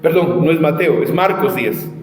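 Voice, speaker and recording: Preacher in an echoey hall. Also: male voice, a little high, normal speed. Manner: passionate, shifts between shouting and quiet storytelling. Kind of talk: evangelism seminar sermon. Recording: echoey hall with faint music.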